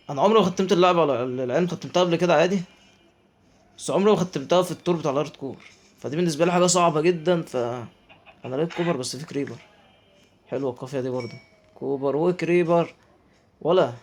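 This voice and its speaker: Man, Egyptian Arabic accent, gaming commentary, rapid, slightly high voice, chatty. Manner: chatty, talking to himself and viewers as he plays. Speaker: gaming YouTuber. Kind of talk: let's play commentary.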